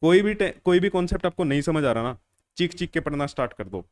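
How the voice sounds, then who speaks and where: A man's voice: on the high side, lively intonation, fast, darkish tone. A young adult man teaching chemistry in a classroom lecture. He asks questions and answers them himself, repeating key phrases and calling the students "beta". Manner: calls students "beta" and "bhaiya".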